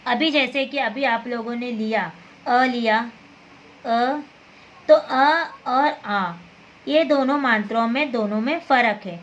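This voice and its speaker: Woman teacher, slow and patient, somewhat high voice, dull lo-fi audio. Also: a bit bright, slight background noise. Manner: patient, repeats words and checks with "theek hai". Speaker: Hindi teacher. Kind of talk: slow classroom explanation.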